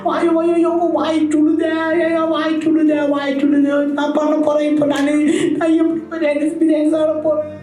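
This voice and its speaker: Woman doing a crying little boy puppet, super high and whiny, echoey hall. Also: level tone, normal speed, hardly any pauses, dark tone, lightly acted. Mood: wailing. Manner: wailing and whimpering like a crying child. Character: little boy who burned his mouth on biryani. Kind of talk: church puppet show.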